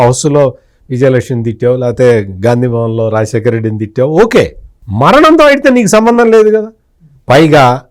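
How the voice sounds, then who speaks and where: A middle-aged man, a senior journalist, giving political commentary with fiery rhetorical questions. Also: sits high.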